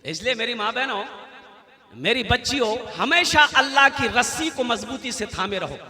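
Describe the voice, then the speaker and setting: A man's voice: extremely high pitch, lively intonation, moderate pace, sharp tone. A man with a Bengali-tinged Kolkata accent preaching a religious sermon, firing questions at the crowd and calling on them to answer. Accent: Kolkata Bengali-tinged Hindi. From Kolkata, India. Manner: rhetorical, questions and goads the crowd. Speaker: Islamic preacher. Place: religious gathering on a stage. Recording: echoey hall with long reverb.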